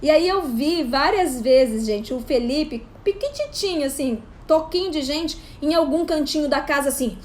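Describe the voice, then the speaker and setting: A woman in her thirties, a psychopedagogue, giving casual parenting advice to camera in an animated way. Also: high voice, normal speed, few pauses, slight background noise. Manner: animated, acts out parent and child voices. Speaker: psychopedagogue and parenting channel host.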